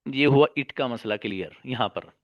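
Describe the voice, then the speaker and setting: A man's voice: medium pitch, normal speed, no echo, muffled recording. A man teaching English grammar in an explanatory lesson, often repeating key terms and asking rhetorical questions, fondly calling his listeners "babu". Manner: addresses listeners affectionately as 'babu'.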